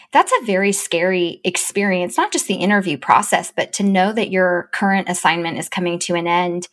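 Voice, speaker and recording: A woman guest in an interview, telling a personal story in a warm conversational way, her voice jumping high with excitement when she quotes herself. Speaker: chief operating officer.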